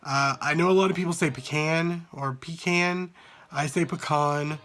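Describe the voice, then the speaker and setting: Higher-voiced Southern US man, chatting casually. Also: steady tone, fairly bright tone. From Southern United States. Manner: repeats single words slowly to demonstrate pronunciation, rambling. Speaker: vlogger answering an accent challenge. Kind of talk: casual, unscripted chat to a phone camera. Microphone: handheld phone at arm's length.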